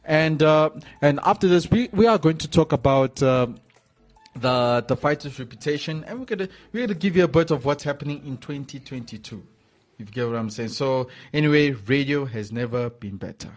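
A man's voice: medium pitch, expressive, normal speed, soft background music. A man hosting a casual radio sports show in a welcoming manner, often repeating words and phrases for emphasis. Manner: welcoming, greets listeners and co-host. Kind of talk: casual chat with co-host.

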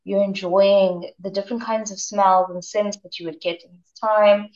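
A woman self-care coach, a guest on a radio chat, talking in a gentle, reflective way and often saying "you know". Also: mid-range voice, steady tone, normal speed. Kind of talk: casual radio interview chat. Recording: roomy, distant, dull remote line.

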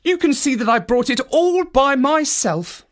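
A fearless young stable boy , as a man reading a storybook puts him on, speaks up boldly and politely. The voice sits high and bright above the reader's own. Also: very animated, a little slow, heavily acted. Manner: bold, eager, polite. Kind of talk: storybook read-aloud.

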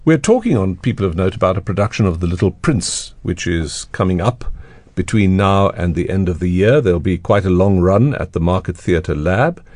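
Male radio host, low mellow voice, dry studio sound, relaxed interviewer. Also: normal speed, dry recording.

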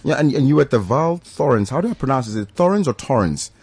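A man's voice: medium pitch, expressive, quick pace, a little mellow, breathy edge, no room sound. A man hosting a casual interview, easygoing and encouraging, often chiming in with agreement. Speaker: host.

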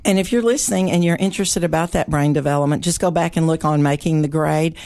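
A woman from Tennessee hosting a podcast and interviewing a guest in a chatty, expressive way. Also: low voice, fast, gravelly, dry recording. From Tennessee, United States. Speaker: podcast host. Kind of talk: conversational interview.

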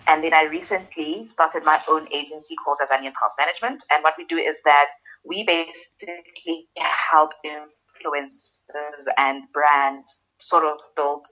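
Low-voiced woman guest on dull audio. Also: fairly even intonation, normal speed, pushed and bright, a little hiss or hum. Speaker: guest, social media manager. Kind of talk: conversational interview answers. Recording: dull lo-fi remote call audio.

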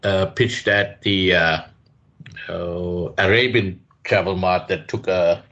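A man co-hosting a radio talk show, speaking in a measured, hesitant way with many fillers. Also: deep voice, steady tone, bright, forceful tone. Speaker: radio co-host. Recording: dull lo-fi radio sound.

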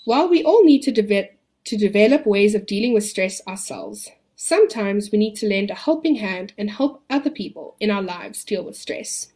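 A woman reading a scripted informational podcast on wellbeing in a measured, instructional way, as a presenter guiding listeners. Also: medium pitch, lively intonation, mellow. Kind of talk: scripted informational narration with guided relaxation.

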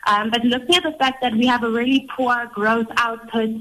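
A woman's voice: a little high, little pitch movement, a little fast, a bit bright, rough recording. A woman from South Africa, a financial expert on a phone-in interview, a little out of breath and chatty with many fillers.

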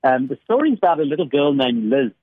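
An earnest man speaks over a thin, phone-like radio line with no room echo. His voice sits at an ordinary middle pitch. He talks through a story with many small restarts and laughs easily. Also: sing-song, fast talker. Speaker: radio guest, academic devotional speaker. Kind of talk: warm conversational devotional reflection.

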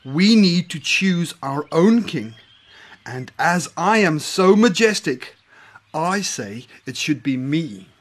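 A woman's voice: low voice, expressive, slow pace, full character voice. Woman playing a pompous fish eagle. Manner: pompous, grand. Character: majestic, proud male fish eagle. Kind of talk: storybook reading.

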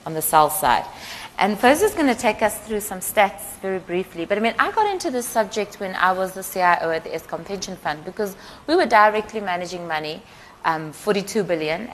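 Lower-pitched woman moderating a panel. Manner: conversational, explanatory. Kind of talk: semi-scripted panel moderation. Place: live panel event. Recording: clear background noise, live event.

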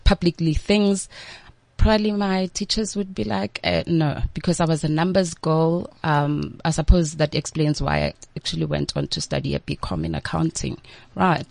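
South African woman, low creaky voice, talkative interview guest, informal, dry close sound. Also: darkish tone, no room sound. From Limpopo, South Africa. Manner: talkative, informal, mixes in local-language words. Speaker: interview guest, entertainment entrepreneur and MC. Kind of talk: conversational interview answers.

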